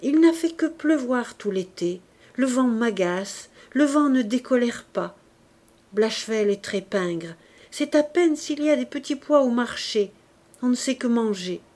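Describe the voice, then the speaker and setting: A woman's voice: on the high side, lively intonation, unhurried, a little mellow. A woman reading an audiobook, voicing a flighty young woman who chatters and complains to a friend. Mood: complaining.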